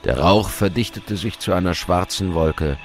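Male protagonist-narrator for horror radio play male actor, very low, grave and intense, over loud music. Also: normal speed, natural voice. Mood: dread. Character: grave male hero recounting his supernatural ordeal. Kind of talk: dramatic first-person horror audio drama narration.

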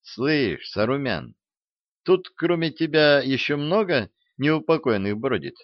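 A male narrator voicing a sly, quick-witted swindler who talks in a wry, needling way, in a dull, dry recording. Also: mid-range voice, big pitch swings, no echo, voice pushed up. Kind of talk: audiobook character voice.

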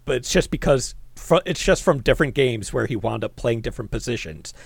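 Gravelly man chatting about movies. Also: medium pitch, expressive, fairly quick, no room sound, clean studio sound. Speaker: podcast co-host. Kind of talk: casual movie-review chat.

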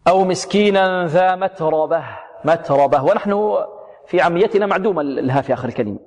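A man teaching tajweed, repeating words slowly, drilling single sounds, asking and answering his own questions. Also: high voice, darkish tone. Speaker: Quran recitation teacher. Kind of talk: tajweed lesson on pronunciation. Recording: long hall reverb.

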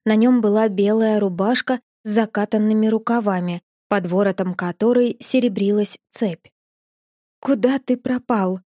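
A woman reading a novel aloud as narrator, in a measured storytelling manner. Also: medium pitch, steady tone, dark tone, no room sound, clean studio sound. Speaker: audiobook narrator. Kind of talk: scripted narration.

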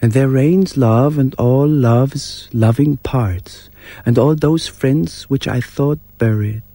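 A male actor with a husky, dark, medium-pitched voice voices a brooding, tender musician addressing his beloved in a literary radio drama monologue that includes recited verse. He speaks reverently, in an intimate, measured way, at times falling to a whisper, with no echo on the recording.

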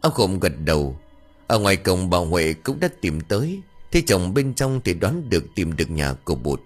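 A man narrating a scripted ghost story with steady storytelling. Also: low-pitched, normal speed, faint music behind.

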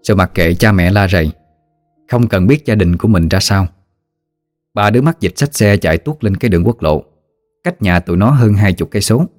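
A man's voice: on the low side, animated, a little fast, darkish tone, no echo, clean studio sound, soft background music. Southern Vietnamese man telling ghost stories. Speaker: storyteller. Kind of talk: ghost story narration.

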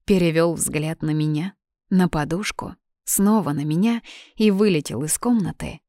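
A woman reading a first-person story as audiobook narration in an even, story-telling way. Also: low-pitched, moderate pace, no echo, clean studio sound.

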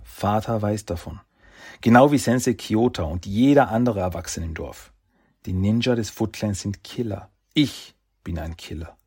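A man voicing a calm young ninja who is a protective older brother, speaking gently and steadily. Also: on the low side, moderate pace, husky. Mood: confiding.

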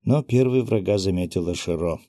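A man narrating a first-person audiobook in a steady, even reading. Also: sits low, brisk, no echo, studio quality.

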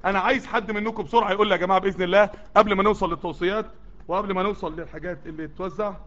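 A man's voice: high voice, fairly bright tone. A man preaching a sermon in an Egyptian Arabic accent, sweaty and worked up, urging his listeners on with repeated, building calls. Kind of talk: sermon to a live group. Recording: dull lo-fi recording.

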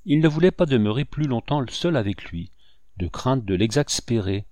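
A man reading a classic novel aloud as narrator, in a measured, steady way. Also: medium pitch, no room sound, studio quality. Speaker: audiobook narrator. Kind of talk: scripted narration.

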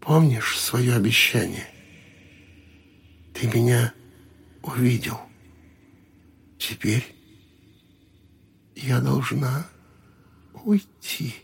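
A man voicing a gentle, sad ghost of a young woman in a soft, breathy whisper. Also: mid-range voice, very slow, pauses often, voice pushed up, full character voice. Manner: soft, pleading, fading.

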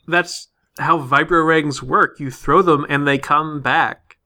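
Bright-voiced joking man. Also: on the high side, fairly even intonation, slow. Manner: joking, laughs often. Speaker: tabletop game player. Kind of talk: casual podcast banter.

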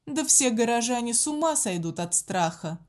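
Woman reading as sinister nun-sorcerer for an audiobook, high, cold and taunting. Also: animated, normal speed, darkish tone, natural voice. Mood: cold mocking. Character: cruel sorcerer posing as a nun, menacing.

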